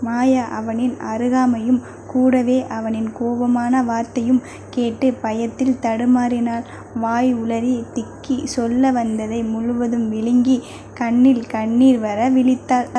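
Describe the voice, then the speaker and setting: Female audio-novel narrator, even delivery, mellow tone. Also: fairly high pitch, slow pace, slight background noise.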